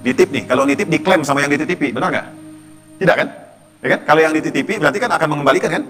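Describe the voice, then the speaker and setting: A man's voice: on the high side, rapid-fire, a bit bright, faint music behind. A male Islamic preacher giving a conversational sermon, often asking the audience rhetorical questions.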